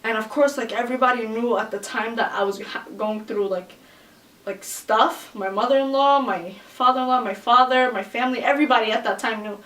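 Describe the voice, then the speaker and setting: A woman's voice: a little high, fairly even intonation, fairly quick, a bit bright. A woman vlogger telling a personal story in a chatty, casual way, full of fillers, now and then shrieking out quoted voices. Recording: echoey room, voice from a distance.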